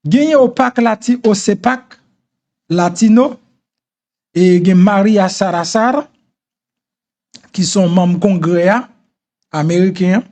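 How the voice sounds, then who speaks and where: A middle-aged Haitian Creole-accented man speaks in a notably high voice. He hosts a casual commentary monologue, repeating his points insistently as he gives advice. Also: slow pace, long pauses, a little mellow. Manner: repetitive, insistent advice-giving. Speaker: host.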